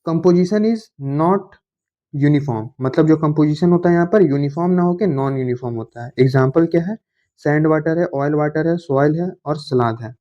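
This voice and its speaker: A man teaching a science lesson to school students, reading English definitions slowly and then explaining in Hindi in an easygoing, coaxing way. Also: fairly high pitch, mellow, muffled recording. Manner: coaxing, informal, addresses students as bhaiya. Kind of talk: classroom lecture to school students.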